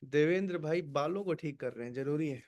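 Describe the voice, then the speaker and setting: A male sales trainer speaks on a video call through his computer or headset mic. His voice sits a little high and his delivery is brisk and energetic. He keeps urging his trainees along and slips English words into his Hindi. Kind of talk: online training session.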